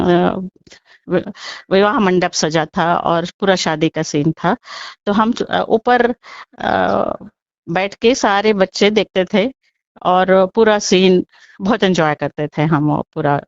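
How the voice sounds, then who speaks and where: Halting older woman on a muffled phone line. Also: medium pitch, no echo. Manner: halting, with many pauses and restarts. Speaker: interviewee recalling childhood. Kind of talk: phone interview reminiscence. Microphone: phone call.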